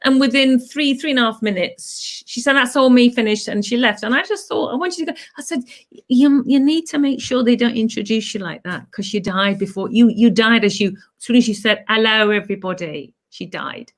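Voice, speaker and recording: A middle-aged woman who teaches clowning, telling stories in a chatty, animated way. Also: on the high side, fairly quick. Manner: chatty, animated storytelling with playful asides. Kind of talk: casual chat.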